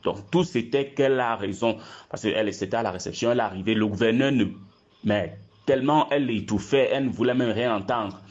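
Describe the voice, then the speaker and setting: A man with a Cameroonian accent recounts events as an eyewitness in informal spoken style. His voice sits a little low, and he circles back over phrases to stress them. The recording is dull and slightly muffled. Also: fast, a little mellow.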